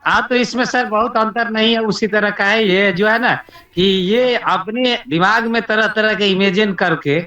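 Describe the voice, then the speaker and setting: A man in a group discussion, explaining slowly and restarting words. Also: sits high, bright, forceful tone. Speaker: participant. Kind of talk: casual discussion. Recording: echoey room, distant mic.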